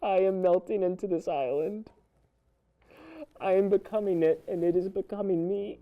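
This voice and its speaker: A woman playing a starving, paranoid soldier holding out alone, theatrical and halting in a dramatic performance. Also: medium pitch, phone-quality sound, lightly acted. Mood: anguished despair. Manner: anguished, halting, commanding, theatrical. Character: starving, paranoid holdout soldier alone on an island, suffering and menacing. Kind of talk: dramatic acting.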